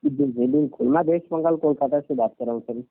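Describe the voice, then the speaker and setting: Over a tinny, narrowband phone line, a man posing as a finance company loan agent makes a persuasive sales pitch. He's insistent and repetitive, interrupts, and keeps using polite forms of address. His voice is a little high and creaky, with wildly swooping pitch and a quick pace.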